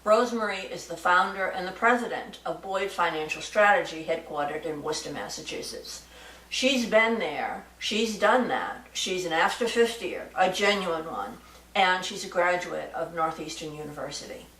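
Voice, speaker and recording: A woman host reads an upbeat, scripted introduction of her guest. Her voice sits a little low and sounds distant from the mic, with a roomy echo around it. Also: expressive, moderate pace, a bit bright. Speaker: podcast host. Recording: echoey room, far from the mic.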